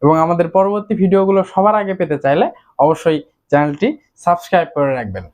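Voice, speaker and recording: Man, somewhat high voice, patient teacher who repeats each word twice before explaining it. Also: fast talker, darkish tone. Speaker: English teacher. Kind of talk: slow spoken vocabulary lesson.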